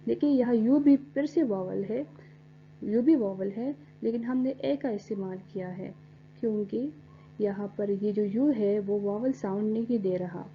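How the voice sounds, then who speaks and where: A woman teacher walks through a grammar rule at a patient, methodical pace, breaking words into single letters and drawing out each English example. Her voice sits at an ordinary middle pitch. The recording is dull and lo-fi, with a faint hum underneath. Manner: explains step by step, spells words letter by letter, reads English examples slowly. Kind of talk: recorded classroom lecture.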